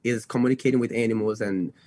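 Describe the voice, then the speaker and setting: A dog trainer appearing on a podcast, this young Portuguese-speaking man from Brazil talks fast in a lowish, darkish voice with fairly even intonation, captured in a dry recording. His casual telling of his own story wanders, with frequent self-corrections and lots of "like" and "you know."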